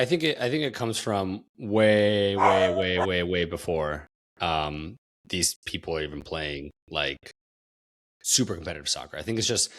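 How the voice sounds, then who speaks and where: A man's voice: sits low, a bit bright. A man co-hosting a soccer podcast, talking in a loose, rambling way and repeating words as he thinks. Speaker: podcast co-host. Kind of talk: casual chat.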